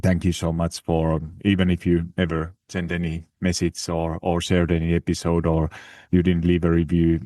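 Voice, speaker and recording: A man's voice: low-pitched, monotone, normal speed, mellow, dry recording, studio quality. A Finnish-accented man hosting his fitness podcast in casual, hesitant talk full of fillers and restarts. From Finland. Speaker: podcast host. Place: living in Italy.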